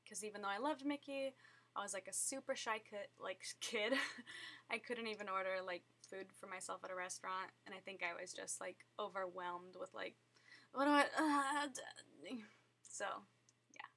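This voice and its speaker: A woman's voice: mid-range voice, fairly even intonation, fairly quick, fairly bright tone. A young woman from Southern California chatting casually on her vlog, giggly and full of fillers. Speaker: vlogger. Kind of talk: casual chat.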